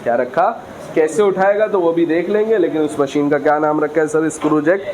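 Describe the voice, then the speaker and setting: A man teaching a physics class, reading English lines slowly and explaining with frequent questions to students. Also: a little high, steady tone, a little mellow, slight background noise, poor audio. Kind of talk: classroom lecture.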